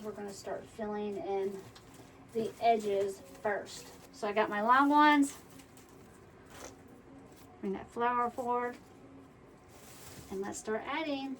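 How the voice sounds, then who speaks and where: A wreath-making tutorial host chats casually through her crafting tutorial, muttering to herself as she works. Her voice is a little high with fairly even intonation, slow and full of long pauses, picked up on a distant mic with faint background noise.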